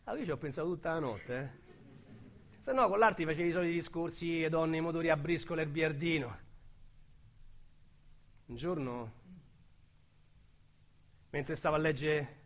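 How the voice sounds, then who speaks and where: Speaking with a Roman accent, an actor voices a crude ex-convict in a radio drama who rambles on about his time in prison in slangy, vulgar fashion. The voice is a little high and close to everyday speech, at normal speed with frequent pauses.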